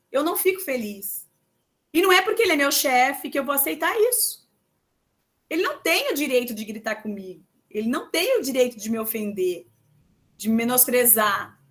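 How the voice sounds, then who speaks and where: A woman teacher giving an exam-prep lesson, talking loudly and emphatically and checking in with her students again and again. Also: sits high. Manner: loud, emphatic, full of "tá?" and "né?" checks.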